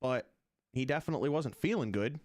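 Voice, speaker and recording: A man's voice: mid-range voice, expressive, a little fast, darkish tone, no echo, clean studio sound. A man co-hosting a sports podcast, chatting casually with restarts and playful groans. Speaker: podcast co-host.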